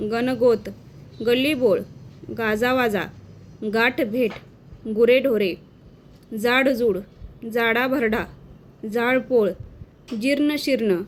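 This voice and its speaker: A woman teacher giving an exam-prep lesson, reading out word pairs one by one in a slow, clear dictation. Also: fairly high pitch, slight background noise.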